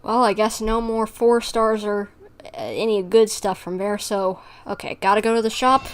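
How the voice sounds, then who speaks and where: A woman with a mid-range voice and moderate pace livestreams a game. She chats casually with viewers as she plays, replying to them in a rambling, giggly way.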